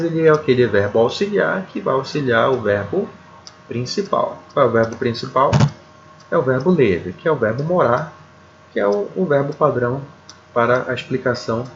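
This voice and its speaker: A man with a Brazilian Portuguese accent teaching an English grammar lesson, slow and deliberate, often repeating words and checking in with his students. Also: mid-range voice, a bit bright, dull audio, slight background noise. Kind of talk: video lesson explaining grammar.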